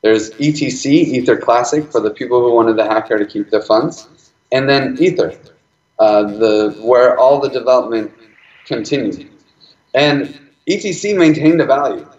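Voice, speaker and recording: Man talking fast in an echoey room. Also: mid-range voice, a little mellow. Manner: fast, with many fillers and restarts. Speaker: speaker presenting his nonprofit project. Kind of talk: live presentation talk. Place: event hall. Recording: echoey room, slightly dull sound.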